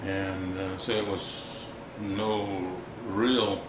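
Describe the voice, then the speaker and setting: An elderly man, a war veteran, recalling his service in an interview in a halting, reflective way with formal wording. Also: low voice, little pitch movement. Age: 80s or older. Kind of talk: old veteran remembering, unscripted interview recollection. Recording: echoey room with background noise.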